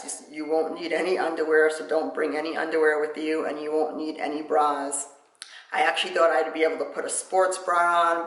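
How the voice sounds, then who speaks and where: A woman's voice: deep voice, fairly bright tone. A woman vlogger giving a casual, chatty how-to demonstration, explaining each step as she goes. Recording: roomy echoey room.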